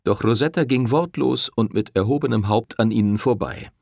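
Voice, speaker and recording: A man narrating an audiobook with expressive storytelling. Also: mid-range voice, moderate pace, vocal fry, dry recording, clean studio sound.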